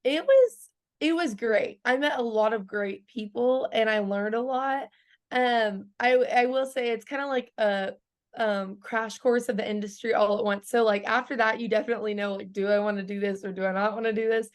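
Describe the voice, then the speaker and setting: Here a woman in her twenties, a country singer, speaks at normal speed with a voice that leans high. The interview is relaxed and chatty, and she's bubbly, full of laughter and frequent "like" fillers.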